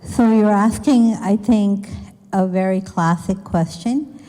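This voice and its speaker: A woman's voice: medium pitch, takes it slowly, mellow. A woman speaker on a business panel giving candid, joking advice to an audience. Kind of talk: panel talk answering a question. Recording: echoey event hall.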